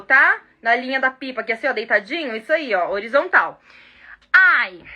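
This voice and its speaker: A woman's voice: sits high, sharp tone. A Brazilian woman teaching English in a casual online lesson, playful and chatty, speaking straight to her viewers. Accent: Brazilian Portuguese.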